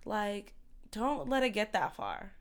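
A woman co-hosting a podcast in casual chat, playful and quick to laugh, full of slang and repeated catchphrases. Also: mid-range voice, very animated. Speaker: podcast co-host.

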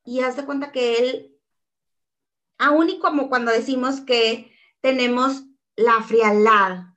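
Mexican woman, interview guest, earnest and emotional, slightly high voice. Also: takes it slowly, fairly bright tone. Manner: earnest, emotional retelling that acts out quoted dialogue. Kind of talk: personal story in an interview.

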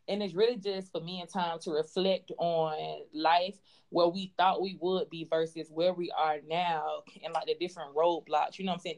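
A woman's voice: lowish voice, darkish tone. A woman in her twenties hosting a podcast, chatting casually with lots of fillers and playful asides. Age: 20s. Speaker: podcast host. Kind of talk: casual chat.

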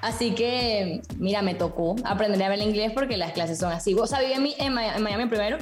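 A woman's voice: medium pitch, fairly quick, roomy sound, faint music behind. A young woman, a podcast guest chatting casually and laughing easily. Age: young adult. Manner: laughs easily, animated storytelling. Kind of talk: casual chat.

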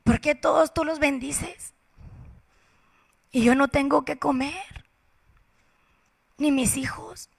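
A woman preaching a passionate sermon, swinging from loud exhortation to hushed whispers. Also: high voice, steady tone, slow, vocal fry, long pauses. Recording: reverberant hall.

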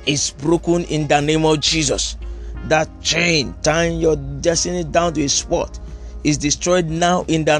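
A man preaching, giving forceful prophetic declarations over the listeners, repeating each phrase with emphasis. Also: on the high side.

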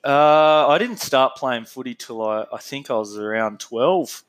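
Here the Australian interview guest speaks at a measured pace with a medium pitch. Relaxed and meandering, he leans heavily on filler words and keeps breaking into laughter as he chats.

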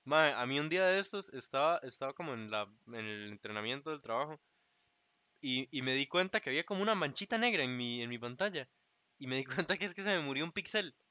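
A man's voice: medium pitch, expressive, quick pace, pushed and bright, no room sound, highs cut off. A man with a Costa Rican accent co-hosting a podcast, chatting casually in loose slang and often laughing mid-sentence. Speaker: podcast co-host. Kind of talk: casual chat.

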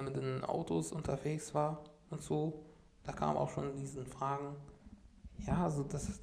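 With slight background noise behind him, a Syrian podcast guest whose native tongue is Arabic tells his story in rambling, conversational style. His gravelly voice sits on the high side, and he keeps restarting, using fillers and dropping in "sag ich mal."

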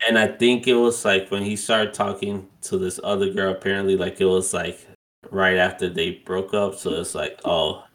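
Co-hosting a podcast, a man in his twenties keeps the chat casual and rambling, filling it with lots of "like." He has a low, fairly bright voice with little pitch movement and a moderate pace.

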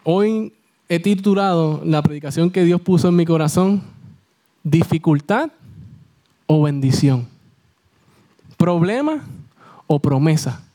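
Young Puerto Rican male youth preacher, mellow voice pitched a bit high, animated storyteller who keeps asking his congregation questions. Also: slow, long pauses. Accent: Puerto Rican Spanish. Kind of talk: sermon.

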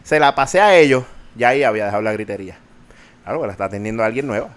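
Young man, Puerto Rican accent, podcast host; animated, profane rant, casual code-switching. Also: mid-range voice, racing, slight background noise. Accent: Puerto Rican Spanish. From Puerto Rico. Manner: ranting, animated, mixes English into Spanish, swears freely.

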